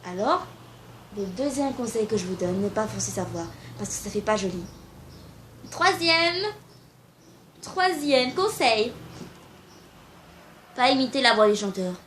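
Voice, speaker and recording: A woman's voice: mid-range voice, fairly quick, a little hiss or hum. A young woman talking casually to camera and giving amateur singing tips, informal and a little hesitant, with frequent fillers.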